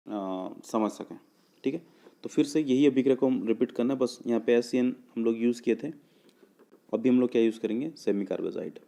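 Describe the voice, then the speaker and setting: A man's voice: medium pitch, warm tone. A man teaching a chemistry lesson for exam students, explaining step by step and asking and answering his own questions. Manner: checks understanding with "clear?" and "okay"; slows down to spell out formulas piece by piece.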